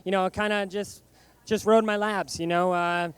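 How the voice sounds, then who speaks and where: A man giving a casual post-race interview as a racer, halting and plain-spoken, leaning on "you know". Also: high-pitched, steady tone, smooth. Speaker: motorcycle racer, race winner. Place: outdoor racetrack podium over microphone.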